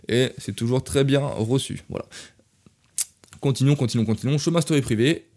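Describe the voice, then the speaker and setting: A young man hosting a podcast, telling a travel story in a casual, animated way and talking straight to listeners. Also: mid-range voice. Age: young adult. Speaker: podcast host.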